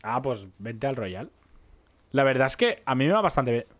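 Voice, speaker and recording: A man's voice: medium pitch, sing-song, moderate pace. A young man with an accent from Spain, rambling and joking with viewers in casual gameplay commentary. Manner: rambling, self-mocking, chatty with viewers. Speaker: roleplay streamer.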